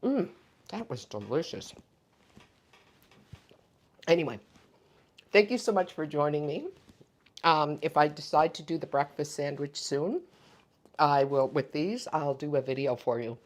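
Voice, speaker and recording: A woman with a low voice hosts a casual home baking video. She talks in a relaxed, chatty way, thinking aloud with little fillers and tasting her bread between sentences. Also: moderate pace. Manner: tastes food while talking. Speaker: home baking channel host. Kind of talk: casual cooking vlog.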